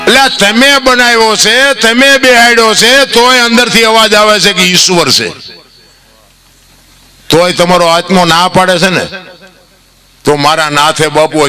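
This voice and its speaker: A man with a Kathiawadi Gujarati accent delivers a fervent folk storytelling talk, his voice high for a man and bright and forceful. He swings from steady telling into loud, lifted outbursts as he preaches to the crowd. Soft instrumental music plays faintly behind him. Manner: impassioned preaching, swells into loud high outbursts, often calls listeners "bapu". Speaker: folk storyteller and literary speaker.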